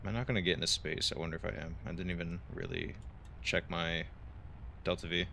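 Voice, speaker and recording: A man's voice: deep voice, little pitch movement, quick pace, gravelly, sharp tone, a little hiss or hum. A young man narrating his gameplay in a casual, rambling way, joking to himself and quoting memes. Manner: rambling, joking self-talk with meme quotes. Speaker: gaming video creator.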